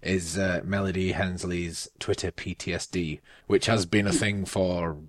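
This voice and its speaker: A man's voice: low-pitched, flat delivery, unhurried, no room sound, studio quality. A man co-hosting a podcast, chatting casually in a sardonic way with lots of fillers. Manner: sardonic, swearing, frequent fillers. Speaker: podcast co-host.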